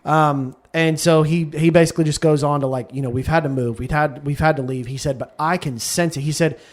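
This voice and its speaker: A man co-hosting a podcast, casually retelling a guest's story in an animated way. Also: a little high, fairly quick. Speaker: podcast co-host. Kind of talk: casual chat.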